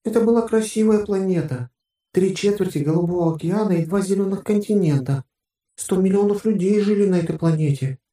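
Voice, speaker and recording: Guy doing a calm hologram lady, dark mellow tone, sounds far off in a roomy space. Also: high voice, brisk, voice pushed up, lightly acted. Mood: explaining. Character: calm female hologram guide, matter-of-fact.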